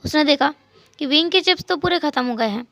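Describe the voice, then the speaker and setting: Brief: woman storyteller, high voice, dry close sound, lively retelling. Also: fast, no echo. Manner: lively retelling with English words mixed in. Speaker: narrator. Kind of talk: storytelling fan dub narration.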